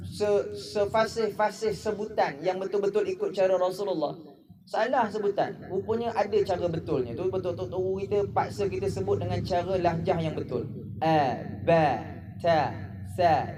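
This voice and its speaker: A man's voice: high-pitched, fairly even intonation, normal speed, a crowd in the background. A Malaysian man giving a humorous Ramadan lecture in a mosque, telling stories and mimicking characters. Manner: jokey storytelling, mimics characters. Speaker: preacher.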